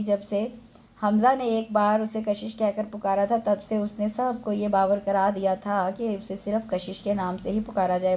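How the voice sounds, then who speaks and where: A woman reads a romance novel aloud, her mellow, warm voice keeping a steady storytelling pace. The narration flows evenly from scene to scene. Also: medium pitch, slight background noise. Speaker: novel reader.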